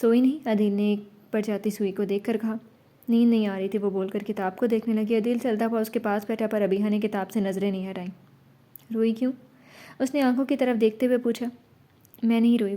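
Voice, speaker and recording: A woman reading a romance novel aloud in a steady, even narration. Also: a little high.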